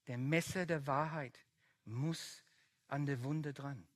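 A preacher giving a sermon, slow and emphatic, building to loud climaxes. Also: mid-range voice.

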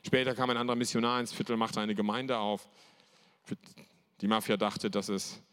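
A man's voice: fairly low pitch, fairly even intonation, normal speed, a bit bright, clear, resonant tone. A male pastor giving a sermon, telling stories with emphatic repetition. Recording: long hall reverb.

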